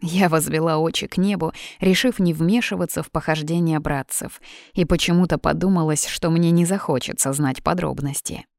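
A woman's voice: sits low, fairly even intonation, moderate pace, creaky, a little mellow, dry recording, studio quality. A woman reading an audiobook in scripted narration, with a lightly ironic storytelling manner.

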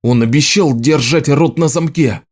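A man reading aloud and voicing a burly young woodcutter who growls and shouts defensively. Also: on the high side, moderate pace, natural voice. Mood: angry.

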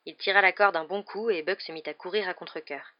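A woman narrates an audiobook with a steady, measured reading in a fairly low voice. The recording sounds dull and muffled.

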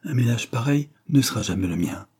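A man's voice: mid-range voice, animated, fairly quick, a little mellow, breathy edge. A man voicing an earnest, principled young working woman in a storybook reading, speaking in a grave and admonishing way. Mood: firm.

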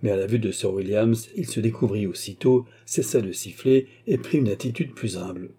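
A man narrating a classic novel as an audiobook in steady, measured storytelling. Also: on the low side, husky.

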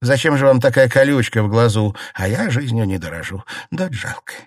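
An imperious young noblewoman with a cutting tongue, put on by a male reader. Her voice sits high above his own and comes out forceful and scolding. The recording is dry and close, with no room sound. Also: expressive, a little fast, dry recording, natural voice. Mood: bitter. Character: proud sharp-tongued young noblewoman, mistress of house.

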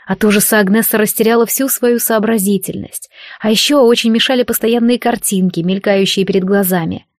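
A woman narrating a fantasy novel in a measured, even storytelling manner, recorded on a close microphone. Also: medium pitch, no echo. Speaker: audiobook narrator.

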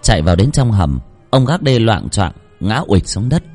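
A man's voice: fairly low pitch, sing-song, normal speed, a little mellow, faint music behind. A man narrating a dramatic, emotive spoken ghost story.

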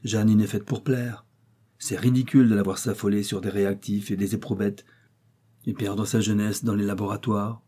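A man's voice: on the low side, little pitch movement, normal speed, dark tone, slightly rough. A man reading aloud and voicing a scornful young woman classmate who makes disapproving remarks.

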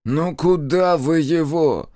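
A man voicing a gruff, indignant male field doctor speaking brusquely in an audiobook. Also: fairly high pitch, lively intonation, a little fast, a little mellow, no room sound, clean studio sound, voice pushed up, lightly acted.

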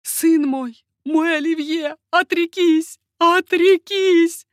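A frantic old mother shrieks and begs in a high, strained voice, put on by a woman reading the story. Her cries come loud and pitched well above the narration. The recording is dry and close. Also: steady tone, slow, dry recording. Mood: anguished. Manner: shrill desperate pleading.

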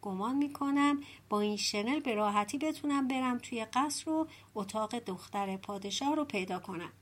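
Young prince, proud and quick to anger, read by a woman narrator; storybook audiobook. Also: a little high, lightly acted. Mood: indignant. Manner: indignant, self-pitying outbursts.

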